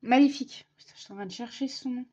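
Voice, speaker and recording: A woman's voice: fairly high pitch, steady tone, racing, slightly rough, muffled recording. A young woman chatting casually while coloring at her desk, hesitant and full of fillers and restarts. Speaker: vlogger. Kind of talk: casual coloring vlog chat.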